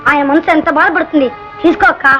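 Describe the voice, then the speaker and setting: An actress playing a cheerful, eager young wife who chatters excitedly. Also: female voice, high voice, fast talker. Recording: dull old film soundtrack with loud music.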